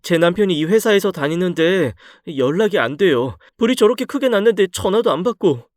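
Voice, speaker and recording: Storybook drama: male reader playing an anxious, furious young wife, high-pitched and swinging. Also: animated, brisk, no echo, clean studio sound. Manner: shrill, emotional pleading. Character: distraught young wife, shocked and angry.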